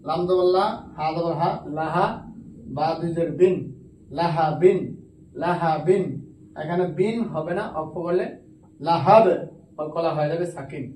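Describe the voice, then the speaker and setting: A man with a Bangladeshi Bengali accent teaching Quran reading, spelling out letters and vowel marks slowly in a drawn-out, melodic way. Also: on the high side, fairly even intonation, dark tone, a little hiss or hum. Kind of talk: spelling-out recitation lesson. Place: madrasa classroom. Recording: echoey room, mic at a distance, faint background ambience.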